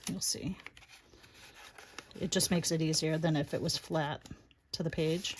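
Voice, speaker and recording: Speaking a little slowly in a steady, low voice, this Massachusetts woman with a Boston accent runs a crafting livestream and talks casually to her viewers and herself as she works. The audio picks up clear background noise, including clicks and rubbing.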